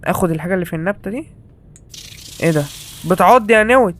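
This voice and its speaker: A man's voice: high-pitched, fast. A young man with an Egyptian accent giving joking commentary while playing a horror game, teasing the characters on screen and exclaiming as he goes. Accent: Egyptian Arabic. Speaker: gaming YouTuber.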